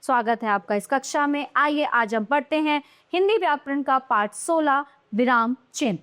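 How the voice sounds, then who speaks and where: A woman's voice: high voice, lively intonation, moderate pace, a bit bright. A woman teaching a grammar lesson to young children, explaining patiently and answering her own questions.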